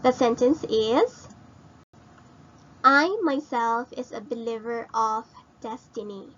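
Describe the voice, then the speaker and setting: A woman teacher slowly explaining grammar in a recorded lesson, asking her students questions and repeating points. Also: fairly high pitch, fairly bright tone, lo-fi sound, a little hiss or hum. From Philippines.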